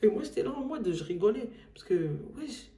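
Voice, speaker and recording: A woman telling a casual storytime vlog, animated and acting out the voices she quotes. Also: on the high side, normal speed. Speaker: vlogger. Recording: echoey room.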